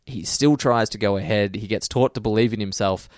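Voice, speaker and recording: A man's voice: on the low side, brisk, dry recording, clean studio sound. Rambling young man on a podcast. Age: 20s. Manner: rambling, self-correcting storyteller. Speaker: podcast co-host. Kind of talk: casual chat.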